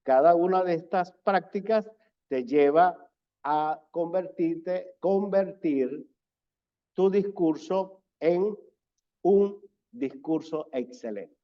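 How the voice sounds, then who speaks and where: A man teaching public speaking in an online presentation, stressing points by repeating them. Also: high voice. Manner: slow, deliberate delivery with repeated emphasis. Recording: slightly dull, lo-fi audio.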